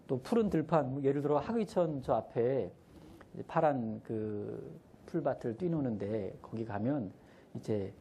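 A man's voice: medium pitch, animated, a little slow, creaky, warm tone, a little hiss or hum. A man training church school teachers, telling humorous stories and acting out the children's voices.

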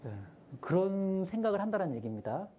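Mellow-voiced man telling funny church stories. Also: high voice, big pitch swings, fairly quick, muffled recording, slight background noise. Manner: humorous storyteller, acts out children's voices. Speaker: church school teacher trainer. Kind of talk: church teacher-training talk.

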